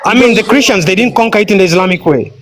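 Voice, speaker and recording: A man raised in Sudan, arguing in a religious debate and pausing to search for words. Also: sits high, fairly bright tone, slight background noise.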